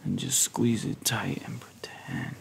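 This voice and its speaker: Man acting tender pillow talk, creaky whispered role-play. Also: fairly even intonation, takes it slowly, heavily acted. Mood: longing, sensual. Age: young adult. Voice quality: soft, breathy whispering mixed with low murmur. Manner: intimate, affectionate pillow talk. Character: devoted, clingy, tender male lover at bedside. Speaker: ASMR creator. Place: living room couch, indoors.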